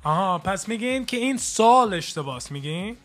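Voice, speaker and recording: Male call-in host, American-tinged accent, high and playful. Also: animated, soft background music. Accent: American-tinged Persian. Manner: jokey, loud greetings, banters with callers. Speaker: radio host. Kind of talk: call-in radio chat.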